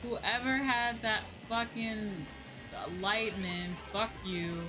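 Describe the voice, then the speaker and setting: Her voice is fairly high and her pace slow, and the audio quality is poor. A streamer and VTuber host, she rambles to viewers in casual chat during gameplay, repeats herself and swears freely as video game music runs behind her.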